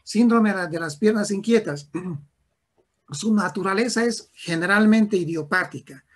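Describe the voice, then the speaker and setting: Slow husky male medical lecturer. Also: high-pitched. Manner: slow, repetitive, with frequent restarts and checks of "¿ya?". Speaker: neurology lecturer. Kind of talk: classroom lecture.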